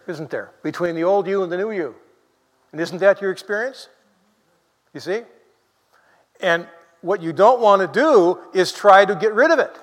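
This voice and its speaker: A man preaching a sermon in a lively, conversational way, full of rhetorical questions to the congregation. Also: sits high, long reverb tail.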